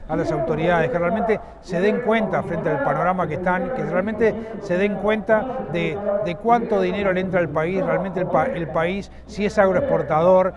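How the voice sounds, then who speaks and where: A middle-aged man, president of a rural association, gives an outdoor interview at a livestock fairground in Uruguayan Spanish, halting often with fillers and restarts. His voice sits high with fairly even intonation, and the dull audio is set over a noisy crowd.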